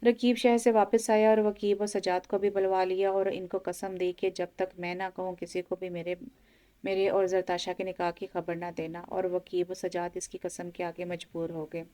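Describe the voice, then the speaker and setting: Mellow, flat-voiced woman narrating. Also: fairly low pitch. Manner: steady, measured reading. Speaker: audio novel narrator. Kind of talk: audio novel narration.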